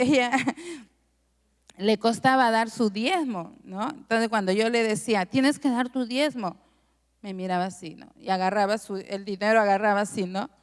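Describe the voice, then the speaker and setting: A woman's voice: fairly high pitch, in a large hall. A middle-aged woman pastor preaching a conversational sermon, often asking the congregation short tag questions. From Peru. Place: church.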